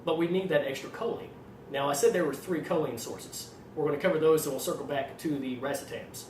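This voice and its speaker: Arkansas accent guy explaining stuff, bit of a stutter, kinda monotone, far from the mic w faint noise. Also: fairly high pitch, a little fast. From Arkansas, United States. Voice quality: tendency to stutter. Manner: self-described monotone delivery. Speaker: fitness trainer presenting supplement advice. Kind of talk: informal explanatory monologue. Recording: roomy echo, distant mic, faint noise.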